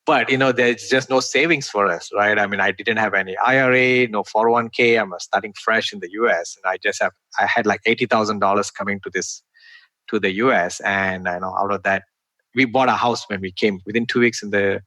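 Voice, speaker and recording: Interview guest: middle-aged man, low and bright, chatty with tag questions, dry close sound. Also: steady tone, a little fast, no echo. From Malaysia. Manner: chatty, many "you know" and "right?" tags, loose grammar. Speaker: guest, real estate investor. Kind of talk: interview conversation.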